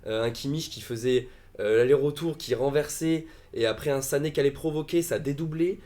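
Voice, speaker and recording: A man's voice: mid-range voice, fairly quick, dark tone. Hesitant male football pundit. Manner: hesitant, many fillers and restarts. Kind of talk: casual live-stream discussion.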